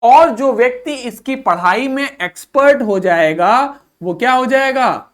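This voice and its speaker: This is a male teacher running a pronunciation drill in class, speaking slowly and deliberately. He says each word several times over and keeps asking the students to repeat it, with patient quizzing questions. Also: very high-pitched, animated. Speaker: English vocabulary teacher.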